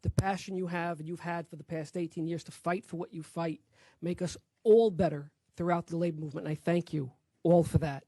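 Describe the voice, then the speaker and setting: A labor federation president speaks at a press conference, briskly thanking those around him. His voice is a bit high yet mellow. The sound is dry and close. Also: steady tone, no room sound.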